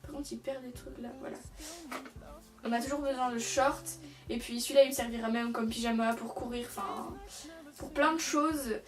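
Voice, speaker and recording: A woman's voice: on the high side, steady tone, moderate pace. A young woman chatting casually through a shopping haul, rambling with many fillers and restarts. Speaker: beauty vlogger. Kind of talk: casual haul video chat. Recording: distant from the mic, music behind. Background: music.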